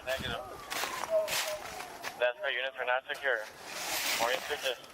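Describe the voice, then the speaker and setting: A man's voice: medium pitch, flat delivery, heavy background noise. A man speaking as a police dispatcher over the radio, giving curt dispatch calls. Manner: curt and rapid. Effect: police radio transmission.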